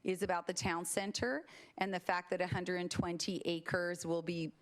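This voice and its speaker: Slightly low-voiced woman giving public comment. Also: little pitch movement, normal speed.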